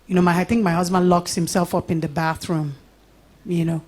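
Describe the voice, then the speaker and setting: A woman's voice: on the low side, flat delivery, fairly quick, a little mellow, slight background noise. A middle-aged Nigerian woman giving a live talk at an event, telling stories with animation and acting out little quotes between laughs. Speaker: invited speaker.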